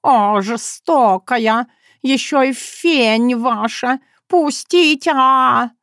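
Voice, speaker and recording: Woman doing a melodramatic storybook tomcat, raised pitch, whiny and indignant, dry studio. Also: very slow, fairly bright tone, no room sound, full character voice. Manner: theatrical, indignant, whiny protests. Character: Terentiy, stubborn dramatic tomcat, male.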